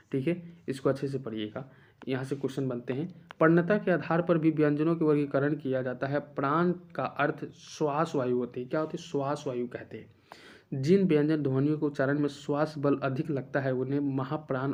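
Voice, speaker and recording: A man's voice: medium pitch, darkish tone. A man teaching an online grammar lesson for exam preparation. He repeats each point and asks rhetorical questions to drill it in.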